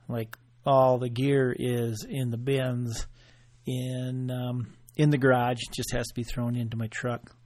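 A man hosting his own podcast alone, chatting in a loose, offhand way and thinking aloud with pauses. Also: medium pitch, darkish tone. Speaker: podcast host. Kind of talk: casual solo podcast monologue.

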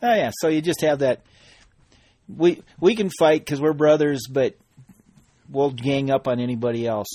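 A man hosting a podcast, chatty and relaxed in a casual interview. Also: mid-range voice, normal speed, pauses often, dry recording. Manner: relaxed, chatty, laughs often. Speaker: podcast host.

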